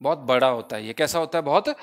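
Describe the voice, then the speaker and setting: Clear-voiced man teaching spelling. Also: medium pitch, lively intonation. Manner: asks the class questions and answers them himself; spells words out letter by letter slowly. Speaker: English vocabulary teacher. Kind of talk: online exam-prep lesson.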